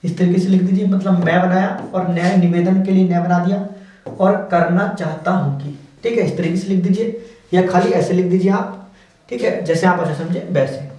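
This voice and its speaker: High-voiced male teacher in echoey room. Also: steady tone, moderate pace, mellow. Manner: repetitive, patient, says "dekhiye" often. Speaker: shorthand teacher. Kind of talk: explaining lesson. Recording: very echoey room, distant mic, faint hiss.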